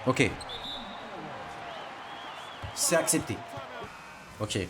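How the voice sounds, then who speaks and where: A man's voice: mid-range voice, extremely slow, a crowd in the background, noisy background. A young man, a gaming streamer, commentating his basketball game in casual, boastful, slangy trash talk aimed at his viewers.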